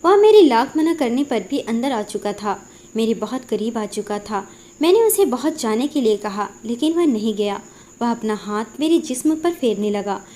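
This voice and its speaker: Woman storyteller, first-person emotional narration, earnest and dramatic, fairly high, mellow voice. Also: animated, normal speed.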